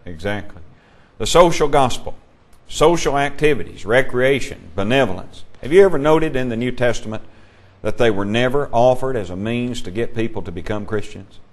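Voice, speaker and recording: A man teaching a Bible class, emphatic and measured, putting questions to his students. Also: mid-range voice, expressive.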